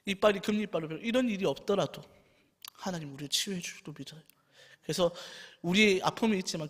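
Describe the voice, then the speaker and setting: A man's voice: high voice, fairly bright tone. A man preaching a sermon as a junior pastor, talking in an earnest, personal, pleading way. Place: church sanctuary. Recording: long church hall reverb with faint music.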